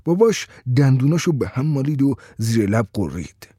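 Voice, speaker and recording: A man narrating a story in a steady, tense storyteller's voice. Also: medium pitch, husky, no room sound, studio quality.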